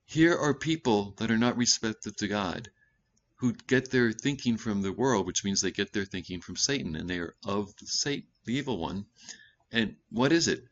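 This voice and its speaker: A male pastor giving a conversational sermon, breaking into loud emphatic bursts and correcting himself as he goes. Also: mid-range voice, muffled recording. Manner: animated preaching with sudden loud emphatic bursts; conversational asides and self-corrections.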